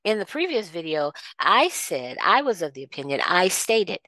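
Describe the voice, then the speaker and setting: A woman with a lowish voice hosts a solo opinion-rant podcast, speaking at normal speed with big pitch swings and a pushed, bright tone. She's impassioned, repeating herself and firing off rhetorical questions, and the recording has no room sound.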